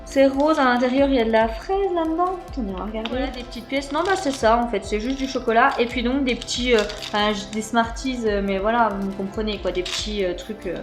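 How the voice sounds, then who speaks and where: A woman in her thirties talks through a snack box on her channel in a high, bright-sounding register. She is chatty and a bit hesitant, with plenty of fillers. Faint music plays underneath. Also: fairly quick, few pauses. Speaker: unboxing vlogger. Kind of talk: casual unboxing chat.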